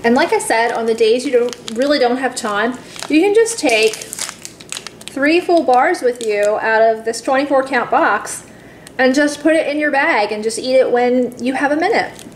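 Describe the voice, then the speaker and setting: A woman's voice: high-pitched, lively intonation, a little slow. A woman hosting a cooking video, walking viewers step by step through a simple recipe in a chatty way that calls them guys. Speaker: cooking channel host. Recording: echoey room with faint background noise.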